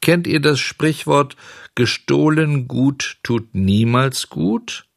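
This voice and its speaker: A man's voice: medium pitch, takes it slowly, gravelly, dry recording, studio quality, pitched above the performer's own voice. A man voicing a cheeky but repentant puppet boy in an audiobook, with a raised boyish tone. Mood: scornful. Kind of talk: audiobook character voice.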